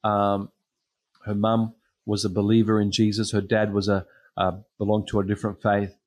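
Low-voiced man preaching, halting storyteller. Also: completely flat delivery, darkish tone. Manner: hesitant storytelling with frequent ums. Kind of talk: sermon with personal stories.

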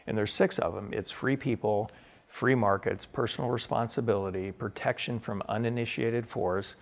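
An earnest middle-aged man speaks in a low, gravelly voice, answering an interviewer. He talks with enthusiasm and often restarts his sentences as he goes. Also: fairly even intonation, moderate pace. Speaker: author and guest.

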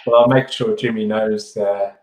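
A man hosts a casual podcast chat, his voice pitched a little low. He asks loose, halting questions in a chatty way. His audio carries a roomy echo that makes him sound farther off than his guest. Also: steady tone, lo-fi sound. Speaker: podcast host. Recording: echoey room sound.

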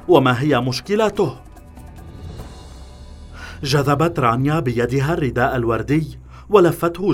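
A man reading a scripted thriller story in a measured, even way. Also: medium pitch. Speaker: narrator.

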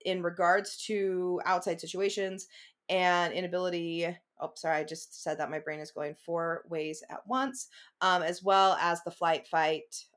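A woman's voice: on the low side, a little slow. A woman hosting a conversational podcast, talking animatedly and acting out her own inner dialogue. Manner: animated verbal processor, acts out inner dialogue. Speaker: podcast host. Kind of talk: casual conversation.

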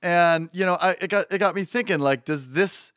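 A man co-hosting a podcast, chatting casually with quick joking asides. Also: sits high, a bit bright, no room sound, studio quality. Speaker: podcast co-host.

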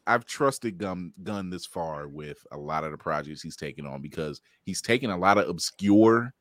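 A man's voice: low voice, animated, moderate pace, dry recording. A man co-hosting a casual podcast chat who laughs often and restarts his sentences. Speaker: podcast co-host.

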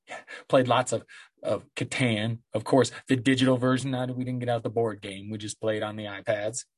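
A middle-aged man with a husky smoker's rasp, chatting casually and rambling solo as a podcast host in a laid-back, sweary way. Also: mid-range voice, level tone, fairly quick, no echo, clean studio sound.

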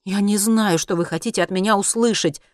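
A man's voice: sits high, moderate pace, dry recording, clean studio sound, pitched above the performer's own voice. A man voicing a frightened, desperate young woman who pleads in rising panic. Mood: panicked. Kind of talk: audiobook character reading.

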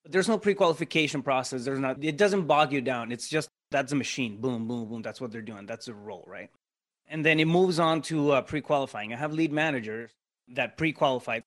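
A male podcast guest and real estate investor, a native Spanish speaker with a Mexican Spanish accent, talks in a mid-range, fairly bright voice at a brisk pace. In this casual interview he explains things, lays out steps, and checks in with frequent tag questions.

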